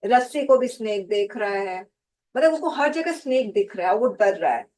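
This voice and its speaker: A woman teaching a vocabulary lesson to exam students, speaking slowly and deliberately, spelling out and repeating each term. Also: mid-range voice, lively intonation, a little mellow, rough recording. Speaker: English teacher for competitive exams. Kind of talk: slow classroom lecture, mixing Hindi and English.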